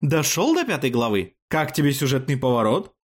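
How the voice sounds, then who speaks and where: A sleepy but cheery writer in a storybook reading, exclaiming in a raised, bright voice, with a man putting him on. He sounds absent-minded and pleased with himself. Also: medium pitch, big pitch swings, moderate pace, voice pushed up. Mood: cheerful.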